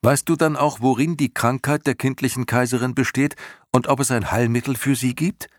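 A man's voice: mid-range voice, steady tone, a little fast, no room sound, clean studio sound, voice pushed up, close to an everyday voice. Man doing a young boy hero, urgent. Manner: urgent, insistent.

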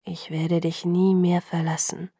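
A woman voicing a calm, protective young vampire man in an audiobook, speaking softly and slowly in a low, measured way. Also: slightly rough, dry recording, studio quality. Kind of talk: audiobook reading.

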